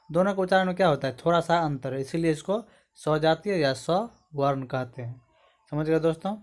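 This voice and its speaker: A man's voice: fairly high pitch, a little mellow. A man teaching a grammar lesson for exam preparation. He explains step by step and keeps asking his viewers whether they have understood. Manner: explains step by step, often asks "समझ गए दोस्तों?".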